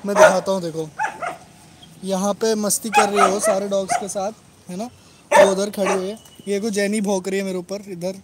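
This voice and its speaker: High-voiced man greeting live viewers. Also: level tone, very noisy. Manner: rapid greetings to commenters, frequent tag questions. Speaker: dog vlogger hosting a live stream. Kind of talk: casual live-stream chat. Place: at home among his dogs.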